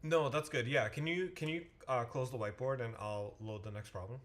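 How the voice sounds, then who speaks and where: A man's voice: medium pitch, a little fast, fairly bright tone. A man who tutors math, talking casually to a livestream and thinking aloud, with frequent restarts and self-corrections. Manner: muttering to himself while waiting on the screen.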